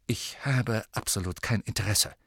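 A man's voice: fairly low pitch, normal speed, a bit bright, slightly rough, dry recording, clean studio sound. A man voicing a stubborn teenage schoolboy wizard who talks in a blunt, curt way.

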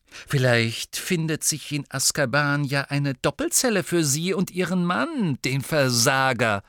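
A man's voice: high voice, animated, normal speed, a bit bright, dry recording, clean studio sound, voice pushed up. A man voicing a defiant, mocking teenage boy wizard in a storybook reading.

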